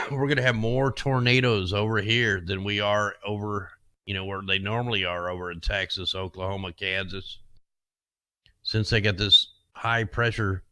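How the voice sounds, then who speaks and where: Speaking at normal speed, a man with a fairly low, steady voice sounds pushed and bright, recorded without echo. He hosts casual screen-share commentary on weather maps, rambling and conspiratorial, as his voice gets worn and slips away.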